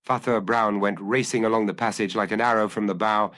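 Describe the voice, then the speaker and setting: A man narrating a dramatic audiobook in a measured storytelling manner. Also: fairly low pitch, fairly even intonation, fairly bright tone.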